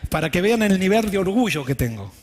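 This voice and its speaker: A man's voice: high voice, sing-song, brisk, a little mellow, a little hiss or hum. A male pastor, preaching a sermon and telling a candid personal story.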